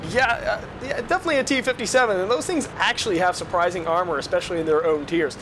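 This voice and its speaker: A man's voice: high-pitched, quick pace, noisy background. A man giving casual game commentary in a rambling, self-correcting way, recorded on the go through a headset with poor audio quality. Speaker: gameplay commentator. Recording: lo-fi headset audio over music.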